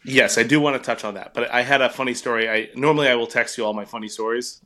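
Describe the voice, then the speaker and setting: A man's voice: mid-range voice, fairly even intonation, quick pace, bright, forceful tone. New England man, podcast co-host, loose storyteller who laughs a lot and swears freely. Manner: laughs often, storytelling with profanity. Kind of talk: casual chat.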